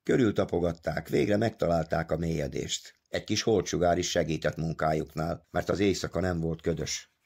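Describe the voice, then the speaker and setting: Male audiobook narrator, very deep and gravelly, husky, measured storytelling. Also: a little mellow. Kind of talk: scripted narration.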